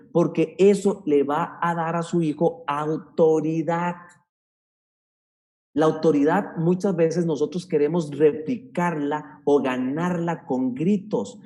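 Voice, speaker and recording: Male speaker, mellow dark voice, emphatic teaching talk for parents. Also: on the high side. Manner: earnest, emphatic, repeats key points.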